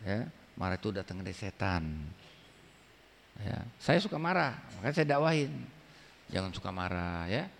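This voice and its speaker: A man giving a colloquial, emphatic religious talk, his pitch swinging up sharply for emphasis. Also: very animated, moderate pace, gravelly, long pauses, slight background noise. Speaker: preacher. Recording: long hall reverb.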